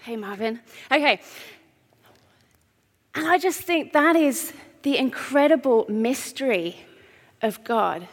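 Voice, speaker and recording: A woman's voice: high voice, lively intonation, slow pace, pauses often. A woman preaching a sermon to a congregation, projecting her voice through a mic in a big echoing hall. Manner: projects her voice, warm storytelling. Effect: big hall echo on her mic. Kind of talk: sermon with a handheld prop. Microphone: wearing a mic on the PA. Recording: echoey hall reverb.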